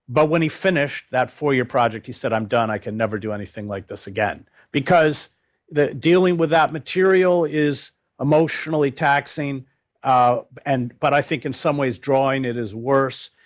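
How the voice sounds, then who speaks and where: An older man with a mid-range voice speaks as a journalist being interviewed, recounting his work in a grave, deliberate, halting manner.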